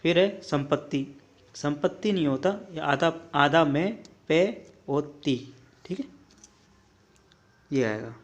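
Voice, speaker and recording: A young man with a slightly raised pitch works through a spelling drill, word by word. He says the wrong form, then the right one, halting on hard syllables and checking in with a quick "okay" between items. The delivery is a steady, repetitive classroom style. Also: muffled recording. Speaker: Hindi teacher. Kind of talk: spelling lesson for exam prep.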